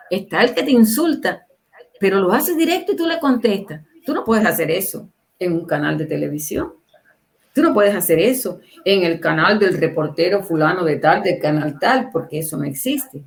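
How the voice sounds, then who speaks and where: Emphatic woman in her sixties. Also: mid-range voice. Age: 60s. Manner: emphatic, asks the audience rhetorical questions. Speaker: guest on a livestream interview. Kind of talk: casual opinionated talk.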